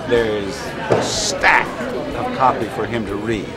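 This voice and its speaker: A man, a TV show producer, explaining his choices in an interview in a measured way. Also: on the low side, loud music behind the voice, over a noisy crowd.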